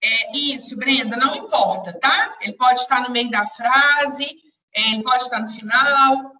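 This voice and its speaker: A woman teaches a live online class, her bright, slightly high voice going over each point again and again for her students. She sits a little away from her computer mic, so the voice comes across roomy and echoey. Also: a little slow, recorded from a distance. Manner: patient, repeats explanations, addresses students directly.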